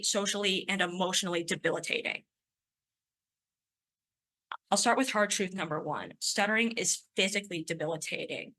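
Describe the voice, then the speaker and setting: A woman in her twenties, speaking at a conference, gives a prepared personal talk in a medium-pitched, pushed and bright voice. She stutters, occasionally repeating sounds, and comes across as earnest and emphatic.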